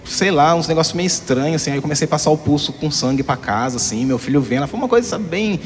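With hall reverb in the background, a young guest speaks frankly about his own experiences, rambling and leaning on tag questions. His voice is on the high side, animated, and fast.

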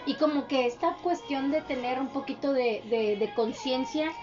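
A woman's voice: high-pitched, dull audio, over music. A woman chatting casually as a podcast co-host, acting out neighbors in little voices. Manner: chatty, acts out neighbors' lines in quick voices. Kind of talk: casual chat.

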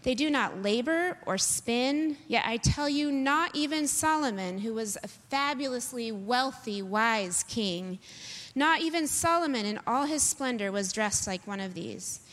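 A woman preaching a sermon to a congregation, talking in a conversational, animated storytelling way. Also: on the high side, measured pace. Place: church sanctuary. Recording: long hall reverb.

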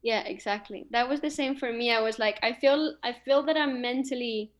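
A woman's voice: fairly high pitch, moderate pace. A young woman in casual chat, upbeat and reflective, often agreeing with her friend.

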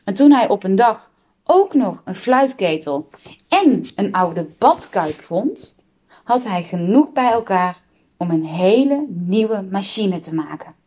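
A woman's voice: mid-range voice, slow pace. Woman reading a children's book aloud. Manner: expressive, voices the characters. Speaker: reader.

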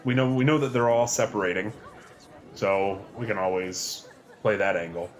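Low-voiced man playing a tabletop game. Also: moderate pace, a faint crowd, a little hiss or hum. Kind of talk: casual play and in-character talk.

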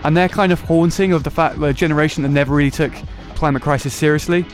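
A man with a slightly high, steady voice hosts a casual political podcast, talking fast over soft background music. He is sarcastic and mocks others by imitating their voices.

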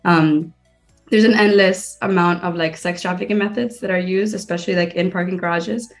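A young woman from Miami talks in a relaxed, rambling way in an interview, leaning on "like" as she goes. Her voice sits a little low. A faint bed of music plays under her. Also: normal speed. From Miami, Florida. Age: young adult. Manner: chatty, lots of "like" fillers. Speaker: guest filmmaker and stand-up comedian. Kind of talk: casual interview chat.

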